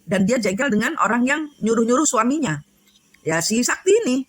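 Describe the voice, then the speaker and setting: In a dry recording, a woman with a fairly high, slightly rough voice talks briskly with lively intonation. A tarot reader and spiritual coach, she rambles through a casual spiritual chat, restarting often and using many fillers.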